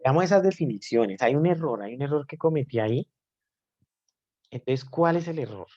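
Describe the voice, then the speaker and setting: A man's voice: medium pitch, animated, moderate pace, dark tone, highs cut off. A man teaching math in a live online class. He explains step by step and keeps checking in with his students.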